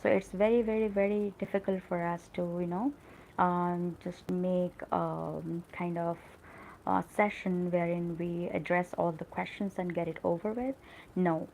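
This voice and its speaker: A middle-aged woman speaks with an American-tinged accent in an earnest, encouraging live stream on learning English. Her voice sits on the low side with a gravelly fry, and a faint hiss runs under it. She often stops on fillers like "uh" and "you know". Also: steady tone, unhurried, a little mellow, rough recording. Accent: American-tinged English learned in call centers. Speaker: English teacher. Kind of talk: live-stream motivational talk.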